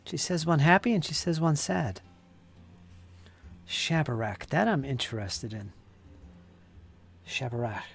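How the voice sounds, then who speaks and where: His voice is fairly high and sing-song, a bit creaky, and he speaks a little slowly, pausing often. He hosts a channel where he paints miniatures, making casual, jokey small talk and thinking out loud about pronunciation.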